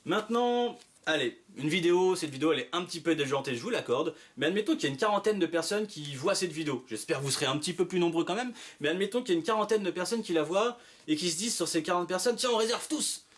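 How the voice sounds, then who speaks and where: Higher-pitched man, magician's showman patter. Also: quick pace. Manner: animated showman patter, addressing the audience with rhetorical questions. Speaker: magician promoting his show. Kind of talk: playful promotional video address to viewers.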